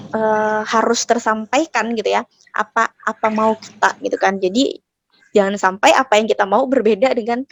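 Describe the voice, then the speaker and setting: A woman's voice: mid-range voice, gravelly, no room sound. A young woman giving an informal talk on communication in marriage, chatty and full of fillers and tag words. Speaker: speaker at a study session.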